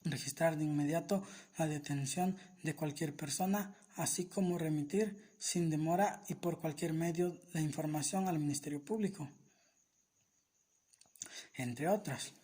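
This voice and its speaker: Man reading legal text in a steady tone. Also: a little high, unhurried. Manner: steady, even, list-like delivery. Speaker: reader of a legal summary.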